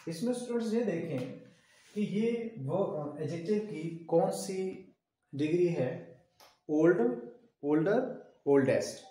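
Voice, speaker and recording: A man teaching grammar in a slightly high voice, working through each rule step by step. He keeps asking his students questions and then answers them himself. His voice rings around a very echoey room. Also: lively intonation, a little slow, pauses often, dark tone. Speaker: English teacher. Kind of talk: classroom grammar lecture.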